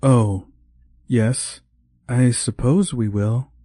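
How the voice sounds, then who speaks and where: A man voicing a cheerful, playful young woman teacher in an audiobook, lifting his voice higher and teasing. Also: fairly even intonation, very slow, warm tone, no room sound, studio quality. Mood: lively. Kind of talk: audiobook character voice.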